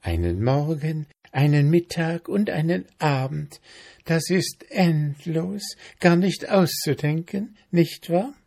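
A man voicing a carefree female mayfly in a storybook reading, speaking softly and wistfully. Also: a little high, lively intonation, vocal fry, pitched above the performer's own voice, heavily acted. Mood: dreamy. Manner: soft, wistful, unhurried.

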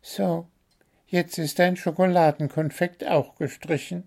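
A man voicing a small, stubborn blue bird in a children's story, talking high and insistent. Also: fairly even intonation, measured pace, darkish tone.

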